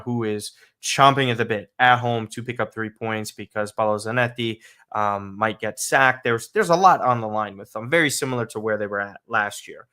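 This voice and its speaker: Male podcast host, slight lisp, medium-pitched voice, casual and emphatic soccer commentary delivered straight to live viewers. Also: sharp tone, clear, resonant tone. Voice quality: slight lisp from dental aligners.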